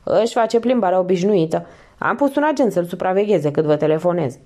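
A woman's voice: fairly low pitch, animated, dark tone. A woman reading an eager police inspector. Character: earnest male police inspector on the phone.

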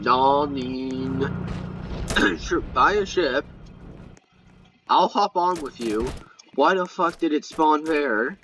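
A man's voice: a little high, sharp tone, distant mic, lo-fi sound. A young man giving live commentary while he plays a game, swearing often and muttering in exasperation at his teammates. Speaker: gamer streamer. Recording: mic set back, faint background noise.

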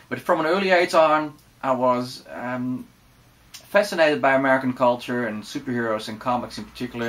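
A Dutch man in his forties with a Dutch accent, chatting relaxed and casually to camera with many fillers in a room lined with bookshelves. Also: medium pitch. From Netherlands. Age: 40s. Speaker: vlogger. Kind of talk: casual vlog talk to camera.

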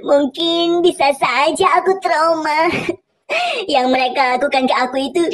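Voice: sits high, steady tone, moderate pace, fairly bright tone. A performer voicing a bossy, sly schoolgirl who whines and taunts, in a cartoon. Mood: whining. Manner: whiny and taunting. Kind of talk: cartoon voice acting.

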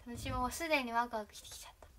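A young woman with a fairly high voice chats casually to her livestream viewers. She rambles, trails off and drops into soft asides. A faint hiss sits under the stream audio. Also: rapid-fire. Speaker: idol trainee livestreaming.

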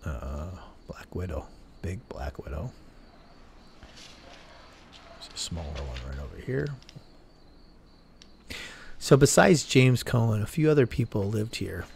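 A man casually narrating as he walks through an abandoned desert building at night, with a camera strapped to his chest, rambling slowly and correcting himself as he goes. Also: deep voice, gravelly, darkish tone, slight background noise. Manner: slow, rambling, self-correcting. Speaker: urban explorer vlogger. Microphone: chest-mounted camera.

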